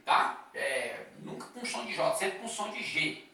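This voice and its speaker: Teacher, male, high pitch, bright edge, leisurely lecturing pace; recorded far off in a roomy, reverberant space. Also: very animated, measured pace, gravelly. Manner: explains step by step, with frequent "tá?" and "ó" checks. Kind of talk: classroom lecture. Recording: echoey room, voice from a distance.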